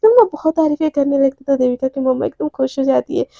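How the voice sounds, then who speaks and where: Brief: woman storyteller, high and mellow, chatty rambling retelling, dry close sound. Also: fairly even intonation, fast, creaky, dry recording, lo-fi sound. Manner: chatty retelling with frequent fillers. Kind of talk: casual story narration.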